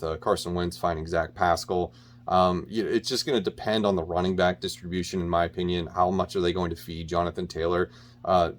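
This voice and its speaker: Deep-voiced guy rambling through his football picks, lots of ums and restarts, pretty opinionated. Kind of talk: casual solo sports picks talk.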